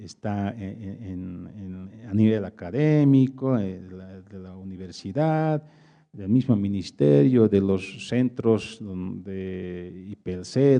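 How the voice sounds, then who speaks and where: Gravelly man, halting lecture. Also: on the low side, mellow. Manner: hesitant, searching for words with many pauses. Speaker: invited speaker at a public talk. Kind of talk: explanatory lecture with audience questions.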